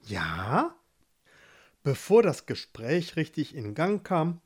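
Lively male fairy-tale storyteller. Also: medium pitch, slow pace. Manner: playful, expressive reading.

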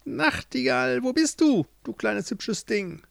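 A man's voice: very high-pitched, expressive, slow, gravelly, a bit bright, no room sound, pitched above the performer's own voice, exaggerated voice. A man voicing a gleeful, spiteful old witch in a spoken fairy tale, mocking and gloating. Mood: scornful.

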